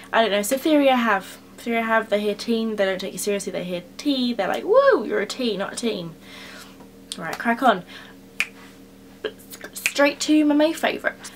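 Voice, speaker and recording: Chatty 20 yr old girl rambling about her faves, bubbly, faint hiss behind. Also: mid-range voice. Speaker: beauty vlogger. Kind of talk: casual chatty product review. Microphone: camera mic.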